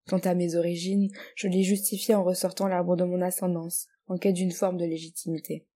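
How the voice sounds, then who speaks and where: A woman's voice: on the low side, flat delivery, normal speed, warm tone. A woman in her twenties from France, reading her own reflective text and then speaking as a guest with hesitant restarts. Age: 20s. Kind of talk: reading own poetic text, then casual interview talk.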